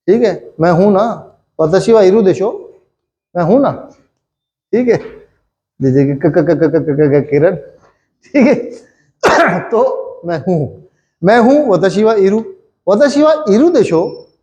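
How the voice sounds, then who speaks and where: A man's voice: high-pitched, lively intonation, slow pace, pauses often, dark tone, lo-fi sound. A middle-aged man from Pakistan with an Urdu-speaking Pakistani accent, teaching a chatty, repetitive Japanese grammar lesson and checking in with the class often. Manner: chatty, repetitive, with many "thik hai" checks.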